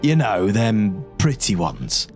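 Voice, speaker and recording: A man's voice: fairly low pitch, very animated, slow pace, darkish tone, full character voice. A man voicing a gossipy, weary guardsman in an improvised tabletop role-play, rambling and grumbling. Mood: dismissive gossip. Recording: music under the voice.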